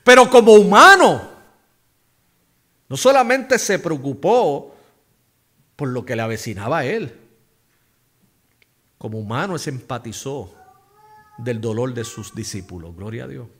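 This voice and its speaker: A man preaching a sermon as pastor, emphatic, asking the congregation questions and dropping to hushed low phrases between loud stresses. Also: lively intonation, unhurried, pauses often.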